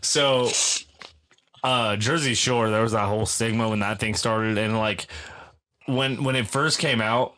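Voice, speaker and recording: A man's voice: on the low side, steady tone, normal speed, pushed and bright. A man co-hosting a podcast in casual, joking chat with friends, swearing loosely and laughing easily. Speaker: podcast co-host.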